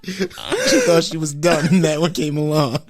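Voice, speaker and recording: Man, co-host, wildly swooping pitch, slow drawl, laughing often, echoing the other speaker. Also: huge pitch swings, creaky, over music. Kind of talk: casual chat.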